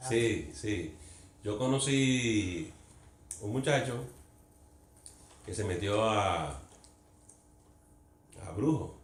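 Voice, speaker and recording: A man's voice: fairly low pitch, animated, drawn-out words, pauses often. A man leading a Bible study in a conversational teaching style, earnest, asking the group questions and slipping English words into his talk. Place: church meeting room. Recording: echoey room with faint ambience.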